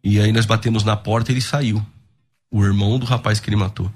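Here is a man with a low, husky voice recounting his past in a relaxed conversational way. He tells events at an easy pace, pausing and restarting as he goes, and acts out the lines of the people in his story. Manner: recounts events, acting out quoted dialogue. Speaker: guest giving his testimony.

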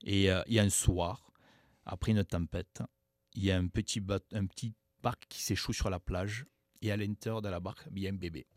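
A man's voice: deep voice, steady tone, a little fast, no room sound. A man co-hosting a radio show, casually and chattily retelling a film plot in a studio.

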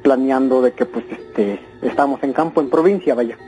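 Male caller, halting delivery, warm low timbre, radio sound. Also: animated, vocal fry, faint music behind. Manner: hesitant, repeated "este".

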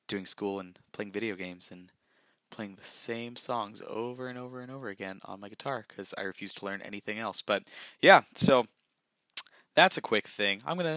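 A man's voice: fairly low pitch, sharp tone, no room sound. A young man hosting a casual solo podcast from a bathroom, rambling and self-deprecating, recorded on a gaming headset mic. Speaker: podcast host.

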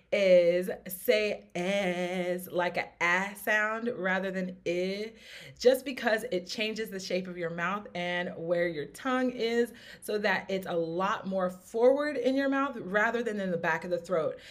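A woman vocal coach giving an upbeat, encouraging singing lesson, singing short examples between explanations. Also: mid-range voice. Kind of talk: singing lesson with sung demonstrations. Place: home studio podcast.

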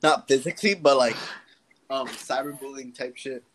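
A teenage guy chatting casually on a podcast with a friend, relaxed and full of slang and swearing. His voice sits at an average pitch, with a faint hiss of noise behind him. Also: normal speed. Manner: slangy, swears often, laid-back. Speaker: podcast co-host. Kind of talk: casual chat.

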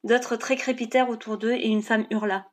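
A woman narrating an audiobook chapter in a steady, measured reading. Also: a little high.

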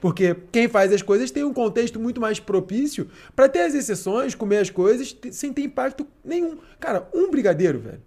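High, lively man. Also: a little fast, hardly any pauses. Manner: slangy, emphatic reactions. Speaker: podcast host. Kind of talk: casual chat.

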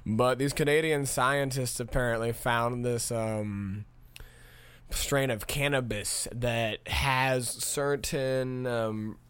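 Minnesota guy in his 30s rambling on his podcast, swears a lot, laughs at his own stuff, smooth voice, dry close sound. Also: mid-range voice, fairly even intonation, slow, fairly bright tone, no echo. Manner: profane, chuckling, rambling with restarts. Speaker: podcast host. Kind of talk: casual rambling podcast monologue.

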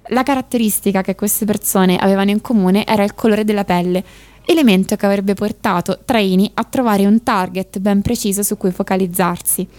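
A woman hosting a radio podcast, speaking in a thoughtful, measured way with some hesitant restarts as she comments and reads aloud. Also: medium pitch, steady tone, darkish tone. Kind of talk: reflective radio commentary and reading.

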